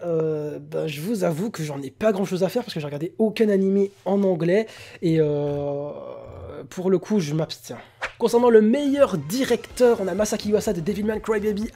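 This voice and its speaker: High, mellow-voiced young man. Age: young adult. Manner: enthusiastic, opinionated, hesitant with many fillers. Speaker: anime YouTuber. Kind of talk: casual spoken commentary.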